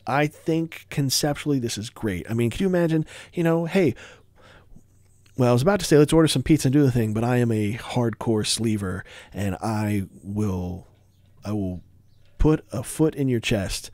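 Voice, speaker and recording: A man's voice: medium pitch, darkish tone, dry recording, studio quality. A man giving a casual board game review, rambling with wry asides and breaking off mid-thought.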